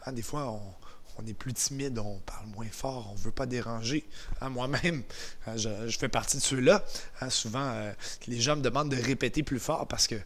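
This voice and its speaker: A man with a Québécois French accent leading a gentle exercise class, calm and encouraging, counting down softly. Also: mid-range voice, moderate pace. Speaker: exercise instructor. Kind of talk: guided seated exercise class. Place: indoors beside a chair.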